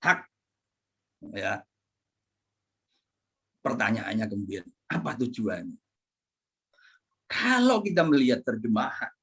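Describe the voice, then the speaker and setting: A middle-aged man gives a lively lecture as a professor. He asks and answers his own questions in a playful way and drops in Arabic terms and phrases. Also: mid-range voice, slightly rough.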